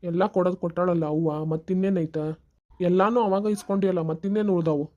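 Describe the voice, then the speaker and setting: A calm, fair-minded son and husband from a cartoon story, voiced by a woman. He scolds firmly in a warm, dark tone. He talks at a brisk pace. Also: lowish voice, lo-fi sound, close to an everyday voice. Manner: firm, reproachful.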